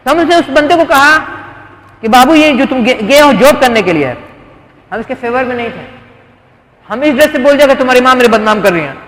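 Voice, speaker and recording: A man's voice: very high-pitched, lively intonation, a little fast, pauses often, fairly bright tone. A man preaching a sermon, telling stories with rhetorical questions and quoted dialogue. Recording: roomy hall with long echo.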